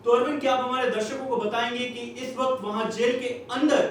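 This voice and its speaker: Guy playing a formal tv news anchor on a stage, voice way up high, big echoey hall, mic far off. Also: little pitch movement, a little fast, a little hiss or hum. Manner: formal newsreader delivery, crisp handoffs. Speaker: stage actor. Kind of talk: stage play acting. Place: theatre stage.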